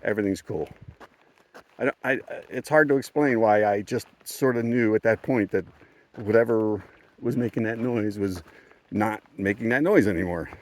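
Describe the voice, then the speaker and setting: A man with a fairly low voice tells a story outdoors on a mountain trail for his hiking vlog. He rambles, chuckles often and restarts his sentences as he talks. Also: normal speed, darkish tone. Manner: rambling, chuckling, self-correcting. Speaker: thru-hiker vlogger.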